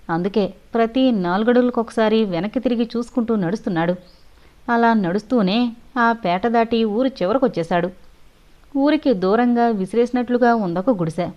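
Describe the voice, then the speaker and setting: A woman narrating a suspense thriller audio novel in steady scripted storytelling. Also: fairly high pitch. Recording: dull lo-fi recording.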